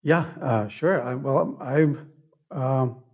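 A man from Argentina in his thirties talks as an interview guest, pausing often and restarting his sentences. His voice is husky, at an average pitch for a man. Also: darkish tone. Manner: hesitant, many fillers and restarts, laughs often. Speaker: guest, game studies scholar. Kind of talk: casual interview answers.

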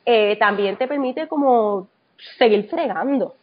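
A woman with a Puerto Rican accent, chatting quickly as a podcast co-host, with many fillers. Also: a little high, a little hiss or hum. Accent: Puerto Rican Spanish. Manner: fast-talking, full of fillers. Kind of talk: casual chat. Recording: dull, slightly lo-fi audio.

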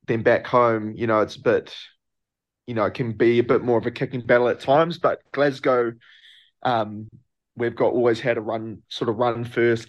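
A young man with a New Zealand accent, a professional rugby player answering interview questions in a loose, laid-back way. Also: medium pitch. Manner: laid-back, loose, lots of filler phrases.

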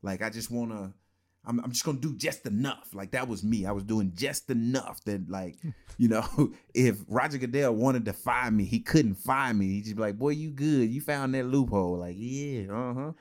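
A former football player co-hosting a casual sports talk show, telling stories in a laid-back way with slang and laughter. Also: male voice, fairly low pitch, normal speed.

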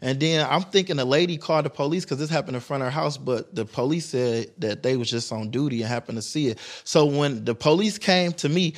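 A man from Detroit telling a wild story as a podcast guest, in a rapid, excitable, slangy way. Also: mid-range voice. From Detroit, USA. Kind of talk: animated storytelling.

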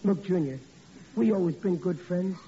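On an old lo-fi recording in 1940s radio acting style, an actor plays Riley, a bumbling, bluffing father who stammers through his excuses in blustering comic fashion. His voice is high and mellow at a moderate pace, with slight background noise.

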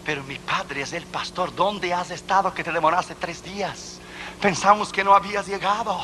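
A man preaching who acts out a huge, stern male Russian soldier questioning a traveler in a gruff voice. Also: high-pitched, normal speed, bright, forceful tone, slight background noise. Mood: hushed urgent.

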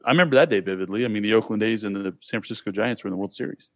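Speaking very fast, a California man in his forties reels off childhood stories in relaxed, slangy talk, saying "dude" and "bro" in a Californian American accent. His voice is on the low side and a bit bright, recorded as clean studio sound with no room sound.

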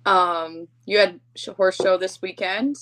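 A woman's voice: mid-range voice, fairly even intonation, a little slow, a bit bright, rough recording. A woman co-hosting a podcast in casual chat, talking in an informal, chatty, self-deprecating way. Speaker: podcast co-host.

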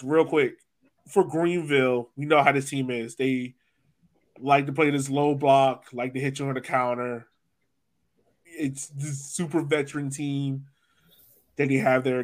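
The host of this soccer podcast is a man from Virginia, United States, whose American-accented delivery is casual and slangy. He keeps a steady tone and medium pitch while talking a little slowly.

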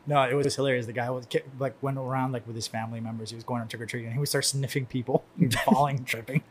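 A man's voice: mid-range voice, fairly even intonation, very fast, a little hiss or hum. A man from Cuba, a guest on a podcast, chatting casually and telling stories with frequent restarts and laughter. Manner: laughs often, tells stories with many restarts. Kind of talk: casual chat.

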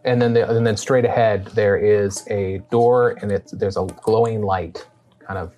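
Very low-voiced woman running a game. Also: fairly even intonation, moderate pace, dark tone, faint music behind. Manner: easygoing, describes scenes with fillers and restarts. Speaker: game master. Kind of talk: narrating a tabletop game.

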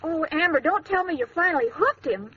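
A woman's voice: very high-pitched, expressive, a little fast, bright, forceful tone, exaggerated voice. An actress playing a sweet, scatterbrained young woman who gushes breathlessly, in a 1940s radio comedy. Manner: breathless, gushing, innocent. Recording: hissy lo-fi old radio broadcast.

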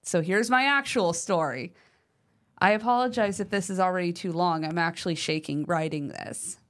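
Moderately paced and on the low side in pitch, a woman co-hosts a podcast about the paranormal. She reads a listener's letter with lively emphasis amid casual chatter full of "um" and "like."

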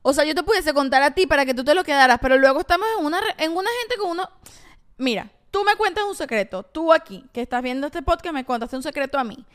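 High-voiced woman co-hosting. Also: fast talker, a bit bright. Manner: emphatic, opinionated storytelling. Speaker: podcast co-host. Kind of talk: casual chat.

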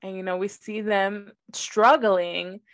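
A young woman whose first language is Spanish co-hosts a podcast, chatting casually and telling stories animatedly. Her mid-range voice has a steady tone and a slow pace.

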